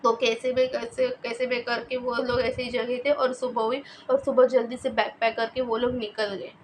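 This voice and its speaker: Woman storyteller, higher pitch, casual halting horror tale, slight background hiss. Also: level tone. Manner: halting, with fillers and restarts, retelling dialogue in her own voice.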